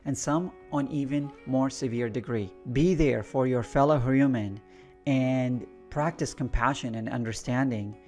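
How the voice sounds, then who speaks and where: A man's voice: medium pitch, a little slow, darkish tone. A man born and raised in Iraq, hosting his own channel as an energy intuitive. He gives an earnest spiritual monologue, repeats key phrases and calls his listeners "guys.". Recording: faint guitar music underneath.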